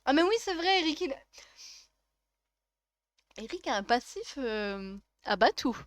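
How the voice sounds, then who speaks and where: Femme bavarde au timbre aigu. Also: female voice, sits high, sing-song, measured pace, no room sound. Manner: chatty, laughs often, teasing the game characters. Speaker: streamer. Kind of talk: casual let's-play commentary.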